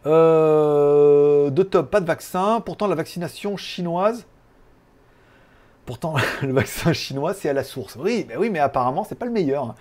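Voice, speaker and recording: A man's voice: on the high side, animated, unhurried, a little mellow. Chatty French man rambling on a live stream. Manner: rambling, joking, frequent fillers and laughs. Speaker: tech live stream host. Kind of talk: casual live-stream chat. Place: home in Thailand.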